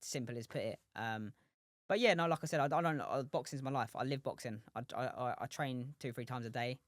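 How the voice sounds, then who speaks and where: Fast-talking young man, rambling. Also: mid-range voice, a bit bright, no room sound, clean studio sound. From England. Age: 20s. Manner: rambling, many restarts and "do you know what I mean". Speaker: guest, professional boxer. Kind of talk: casual interview chat.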